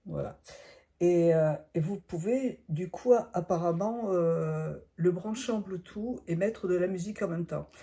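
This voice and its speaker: A middle-aged woman, sick and hoarse, talks through a casual product review at home into her phone. Her voice is gravelly, husky and darkly muted. She chats on with plenty of hesitant restarts. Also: on the low side, unhurried, warm tone. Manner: chatty and hesitant, often restarting phrases. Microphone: phone camera.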